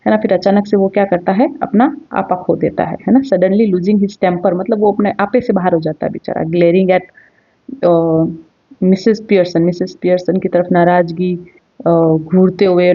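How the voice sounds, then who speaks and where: A woman's voice: on the low side, steady tone, breathy edge, lo-fi sound. Woman teacher explaining a play. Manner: reads English lines slowly, then explains in Hindi.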